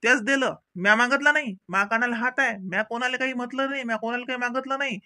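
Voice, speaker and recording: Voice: mid-range voice, fast talker, pushed and bright, dry recording, studio quality. A performer voicing a defensive village man in a cartoon comedy, speaking with a Vidarbha Marathi accent and often stammering.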